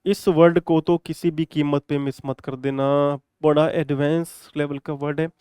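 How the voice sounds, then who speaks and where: Man, exam-prep vocabulary lesson, chatty and repetitive, high-pitched, dry close sound. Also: little pitch movement, a little slow, a little mellow, smooth, no echo. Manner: chatty, repetitive, addresses students affectionately. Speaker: English teacher.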